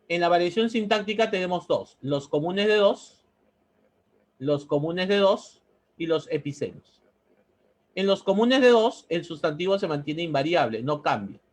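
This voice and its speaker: Teacher drilling grammar. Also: male voice, high-pitched. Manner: explains step by step, repeating words and asking "¿no?". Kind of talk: classroom grammar lesson.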